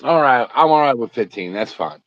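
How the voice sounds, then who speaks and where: A man's voice: mid-range voice, animated, fairly quick, no room sound. Male co-host for a casual sports chat, blunt and profane, recorded dry and a bit dull. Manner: blunt, profane, joking, says "like" a lot. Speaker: podcast co-host. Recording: dry, slightly dull sound.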